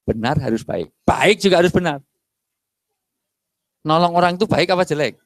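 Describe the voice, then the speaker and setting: A middle-aged male preacher, giving a lively sermon and acting out little dialogues. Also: on the high side, normal speed, no room sound, clean studio sound. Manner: animated, acts out dialogues and jokes with the audience. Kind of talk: lively sermon to a mosque congregation.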